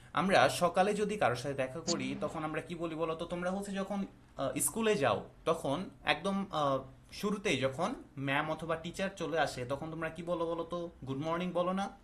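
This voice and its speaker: A male English teacher, explaining slowly and asking the class questions. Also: a little high, fairly bright tone. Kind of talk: classroom lesson.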